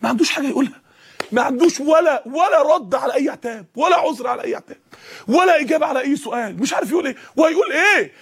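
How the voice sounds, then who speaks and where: A man's voice: very high voice, expressive, very fast. A man preaching a sermon with an Egyptian Arabic accent, impassioned and full of rhetorical questions.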